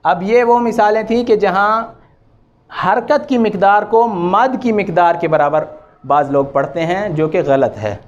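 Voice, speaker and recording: Man, high voice, recitation teacher, repeats and stretches vowels, muffled lo-fi sound. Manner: draws out vowels and repeats examples slowly, then corrects. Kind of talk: slow, patient tajweed lesson with chanted examples.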